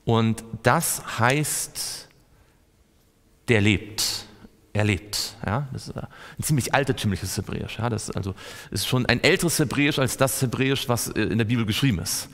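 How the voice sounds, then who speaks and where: Male preacher, mid-pitched, teaching a Bible study, quizzes his listeners, long hall reverb. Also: normal speed, fairly bright tone. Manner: asks the audience questions and answers them.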